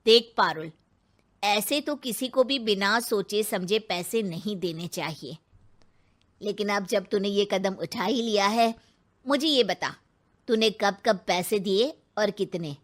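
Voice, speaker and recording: A woman voicing a sensible female lawyer friend in a cartoon, calm and questioning. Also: medium pitch, measured pace, lightly acted.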